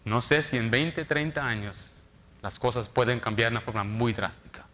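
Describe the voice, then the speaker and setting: A man preaching a sermon in church as pastor, shifting from loud dramatic quotes to soft, quiet appeals. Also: mid-range voice, moderate pace.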